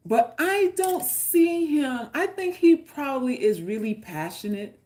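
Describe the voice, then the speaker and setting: With a warm, mid-range voice, a livestream host from Queens reads chat and riffs casually with viewers in unscripted talk. Her New York accent comes through as she speaks bluntly, jokes, and swears freely.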